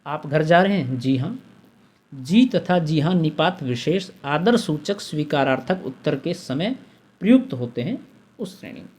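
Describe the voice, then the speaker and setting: A man's voice: a little high, lively intonation, a little slow, darkish tone, slightly rough. A man teaching a Hindi grammar lesson, methodically listing examples one by one and repeating the key terms.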